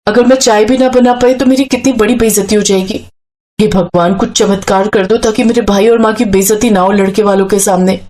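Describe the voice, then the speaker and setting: A woman's voice: mid-range voice, fairly even intonation, fairly quick, warm tone, natural voice. A woman voicing a hot-tempered, spoiled young woman who scolds shrilly. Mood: worried.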